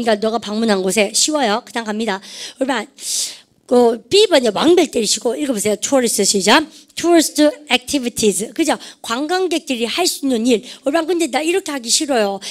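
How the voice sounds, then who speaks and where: Brisk, coaxing woman teaching English. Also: a little high. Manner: energetic, coaxing call-and-response drills; keeps addressing her students directly. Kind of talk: lively classroom-style vocabulary lesson.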